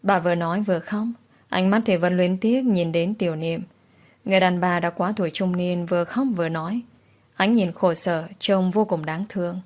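A woman's voice: on the low side, steady tone, moderate pace, a little mellow. A woman narrating a romance novel in the first person, with dramatic, emotional storytelling. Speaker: audiobook narrator.

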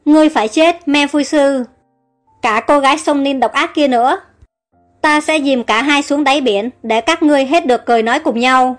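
List: woman voicing a vengeful male sea monster, growling, hateful, storybook tale, high voice. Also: moderate pace, soft background music, close to an everyday voice. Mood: bitter.

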